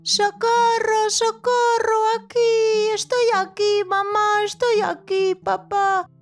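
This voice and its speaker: A woman voicing a tiny, brave little boy in a children's story, with a high, slow, sing-song child voice. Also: lively intonation, soft background music. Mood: crying for help. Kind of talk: storybook acting.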